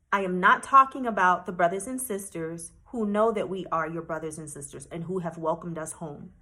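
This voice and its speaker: A woman's voice: medium pitch, a bit bright. A woman vlogger telling a personal story to her viewers, emphatic and indignant, addressing them directly. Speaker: travel vlogger.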